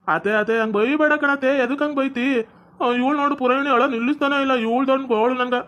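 A woman's voice: sits high, fast, a bit bright, a little hiss or hum. A woman playing a meek, apologetic young village man in a comedy skit, speaking with a North Karnataka Kannada accent. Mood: pleading. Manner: pleading, apologetic.

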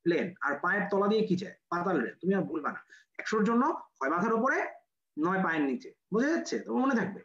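Prepping students for medical admission, this physics lecturer speaks with a Bangladeshi Bengali accent, firing off rhetorical questions and restating key numbers. The delivery is expressive and fast at medium pitch with a slightly bright tone, recorded lo-fi in a roomy, dull classroom.

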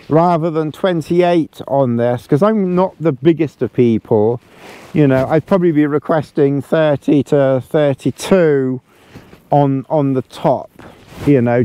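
An outdoor gear vlogger lies in a sleeping bag inside a small tent, casually reviewing camping gear. He rambles chattily, repeats words and chuckles, in a fairly high voice with a dark tone.

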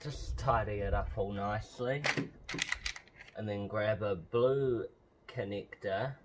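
A car modification vlogger with a low-ish voice works outdoors at a car's open bonnet, casually narrating each DIY step. He speaks slowly, and there is heavy background noise.

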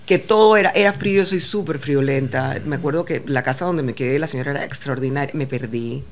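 A woman, a journalist guest, telling stories in a casual, animated way. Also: rumbling low, quick pace, slight background noise. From Panama. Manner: animated, acts out others' lines in shifting voices. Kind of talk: casual storytelling.

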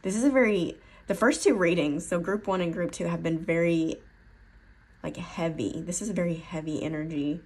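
A woman from the Appalachian foothills of the USA, with a lowish, slightly mellow and husky voice at normal speed, gives a casual tarot card reading. She rambles in an Appalachian accent, correcting herself as she thinks aloud.

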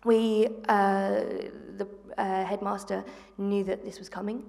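A woman's voice: mid-range voice, level tone, a little slow, vocal fry, a little mellow. A woman in her thirties from England, a panel guest speaking earnestly into a handheld mic, with many ums and restarts. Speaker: panel guest, former school strike organiser. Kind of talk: live panel discussion. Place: theatre stage before an audience. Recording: long reverb of a theatre hall.

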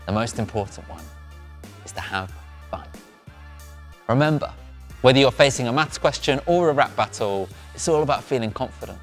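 A young man speaks to camera in a calm, measured, encouraging way, laying out numbered tips at a middle pitch. He is recorded on a clip-on mic indoors. Soft music plays faintly underneath. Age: young adult. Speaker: poet hosting a school poetry slam. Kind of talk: scripted address to camera. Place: indoor studio with a plain backdrop. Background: faint background music.

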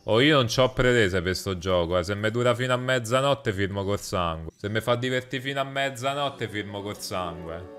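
A man with a Roman Italian accent giving loud, joking, swearing commentary while he plays a game. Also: on the low side, moderate pace, slight background noise. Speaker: streamer. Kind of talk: gameplay commentary.

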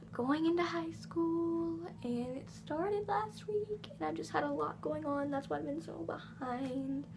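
A fourteen-year-old English girl with a slight Southern US accent vlogs bubbly to camera in her living room, filling her casual chat with lots of "ums." Her voice is high-pitched, and the background is noisy. She's recorded by a device camera sitting on a table.

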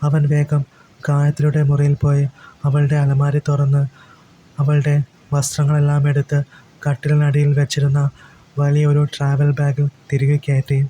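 A man reading a story aloud as storyteller, in an even, unhurried way. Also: on the high side, slight background noise, low-quality recording. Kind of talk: storybook narration.

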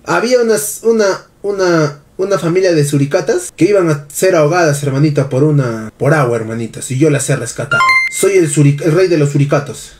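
A man's voice: fairly high pitch, a little mellow. A man with a Peruvian accent, chatting dramatically and swearing on a live game stream. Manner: dramatic, swearing, mock-pleading.

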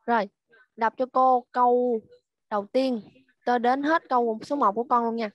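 Woman teacher, high bright voice, dry close sound, drills words slowly for kids. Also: fairly even intonation, no room sound, lo-fi sound. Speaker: English teacher. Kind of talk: online English class for children. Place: at home.

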